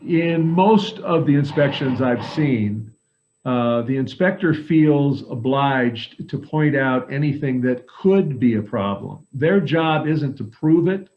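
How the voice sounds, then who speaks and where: A middle-aged man with a mid-range voice who gives advice earnestly and plainly, pausing often on "uh" and "um". The recording sounds a little muffled, as if the high end is rolled off. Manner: earnest and advising, many "uh" and "um" fillers. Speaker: real estate agent guest. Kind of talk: casual advisory discussion.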